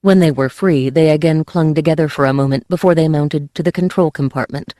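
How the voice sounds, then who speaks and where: A narrator reading a science fiction audiobook in a steady, measured way. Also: mid-range voice, no echo, studio quality.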